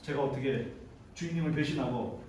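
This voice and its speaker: A man's voice: medium pitch, fairly quick, a little mellow, a little hiss or hum, pitched below the performer's own voice, natural voice. A man voicing a humble, polite young male servant in a sermon story, speaking deferentially. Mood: pleading. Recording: echoey hall from far off.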